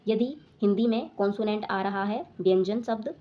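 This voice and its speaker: A woman teaching a grammar lesson to children, repeating each point slowly and asking if it is clear. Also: mid-range voice, dull audio.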